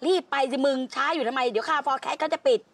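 A shrill, brash lottery hustler. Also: female voice, fast talker, heavy background noise. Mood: pleading. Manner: loud, rough-talking, wheedling. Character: brash, pleading older sibling who sells lottery. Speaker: illegal lottery seller, older sibling.

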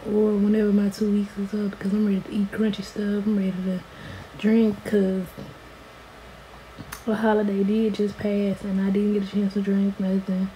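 A woman's voice: medium pitch, completely flat delivery, moderate pace, warm tone, rough recording. An American woman in her twenties chatting casually and informally to camera as a vlogger in a room at home. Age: 20s. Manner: informal, conversational. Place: small indoor room at home. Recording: noticeable background room noise.

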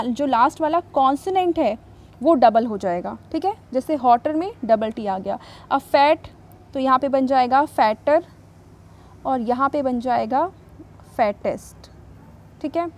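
High-pitched female teacher, patient and methodical, walks students through a worksheet. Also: a little mellow. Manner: patient, reads English rules slowly then explains; repeats "thik hai" to check understanding. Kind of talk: explaining a grammar worksheet.

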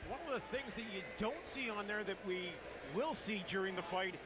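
A man's voice: high voice, moderate pace, very noisy. A man giving live boxing commentary as a sportscaster. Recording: loud arena sound behind voice.

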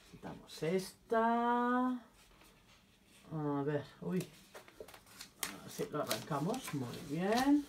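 A woman giving a casual video lesson, repeating phrases carefully for viewers and chatting in quick asides while she handles her cards. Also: mid-range voice, fairly bright tone. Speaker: language teacher.

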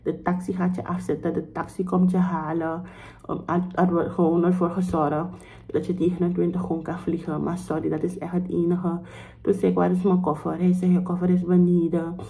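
Young woman vlogger, lowish dark voice, animated storytime delivery, code-switches into English. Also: fairly quick, creaky, poor audio. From Suriname. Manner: animated retelling, acts out both sides of the dialogue; mixes English phrases into Dutch. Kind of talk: casual storytime vlog.

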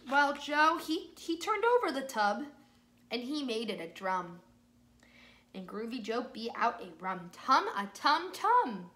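Young woman, kindergarten teacher voice, very lively intonation, slow deliberate pace, encouraging storytime read-aloud. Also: fairly high pitch. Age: young adult. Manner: kindergarten teacher voice, encouraging and exaggerated, with sung lines. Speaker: children's music teacher reading a story aloud. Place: small room at home.

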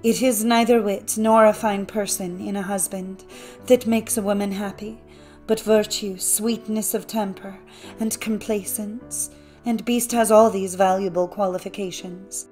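A woman's voice: mid-range voice, fairly even intonation, unhurried, a little mellow, faint music behind, lightly acted. A woman voicing a kind-hearted young heroine in an audiobook fairy tale; she speaks earnestly and pleadingly. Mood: remorseful.

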